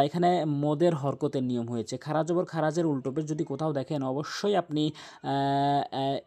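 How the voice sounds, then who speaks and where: A man giving a spoken Quran recitation lesson. He spells out letters and vowel marks, recites the examples slowly with long drawn-out sounds, and keeps pointing out and correcting common mistakes. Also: on the high side, dark tone. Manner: corrects common mistakes repeatedly, urging viewers to pay attention.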